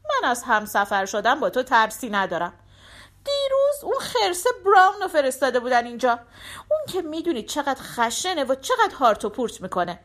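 A crafty storybook fox, put on by a woman narrator who flatters and mocks in a smooth, wheedling way. The voice sits high and swings freely up and down. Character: sly scheming male fox.

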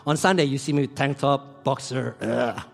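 A man preaching a sermon who swings between hushed and loud delivery. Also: medium pitch, moderate pace, gravelly, faint music behind. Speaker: pastor.

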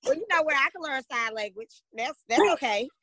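Co-host: playful, slangy woman, lively pitch, dry mic. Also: fairly quick, dry recording. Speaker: podcast co-host. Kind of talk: casual group chat.

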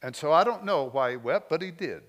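A man preaching a sermon, moving between slow, emotional lines with soft drops and loose, conversational asides. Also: on the high side, animated. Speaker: pastor.

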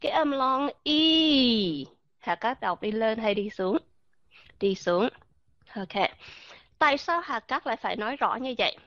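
High-pitched woman teaching pronunciation. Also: moderate pace, long pauses, no room sound, dull audio. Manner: demonstrates sounds, asks listeners questions. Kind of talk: pronunciation lesson.

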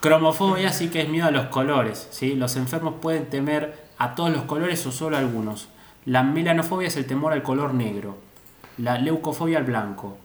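A man's voice: fairly high pitch, normal speed. A man with a Rioplatense Spanish accent hosting a casual comedic podcast, joking and checking in with "¿sí?" as he reads a list. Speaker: podcast host. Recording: echoey room, faint noise.

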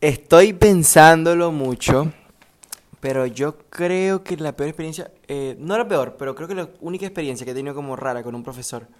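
A man's voice: fairly high pitch, moderate pace. A young man, co-hosting a podcast, talkative and teasing. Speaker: podcast co-host. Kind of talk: casual chat.

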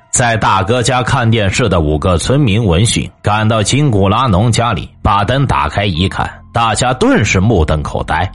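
A man's voice: lowish voice, breathy edge. A man hosting a show, telling a true-crime case as scripted narration. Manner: storytelling, lively intonation. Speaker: host.

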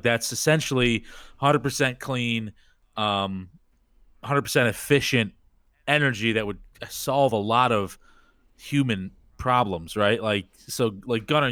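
A man's voice: mid-range voice, fairly bright tone, dry recording, clean studio sound. A man chatting on a podcast, asking questions with lots of fillers. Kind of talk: casual podcast chat.

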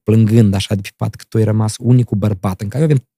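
A man's voice: fairly low pitch, no echo, clean studio sound. A middle-aged man, an actor speaking as a guest in a casual interview, telling stories animatedly and acting out the dialogue. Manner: animated storyteller who acts out dialogue.

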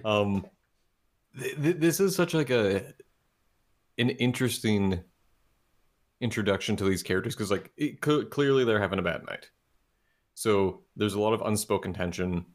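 This movie podcast co-host has a lowish voice, speaks at normal speed, and leaves long pauses. His casual review talk rambles, with plenty of restarts and frequent laughter.

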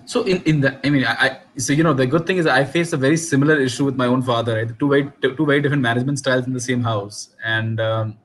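A man with an Indian accent speaks quickly in a casual interview, often doubling back on words as he makes a point. His pitch is average, with faint ambient noise behind him. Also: steady tone. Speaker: interviewer and investor.

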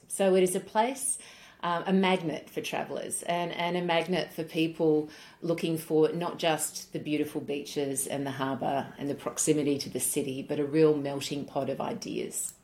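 A woman's voice: low-pitched, fairly even intonation, moderate pace, a little mellow. A woman with an Australian accent, from South Australia, chatting as a guest in a friendly, good-humoured interview. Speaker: guest, politician and former journalist. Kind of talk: casual conversational interview.

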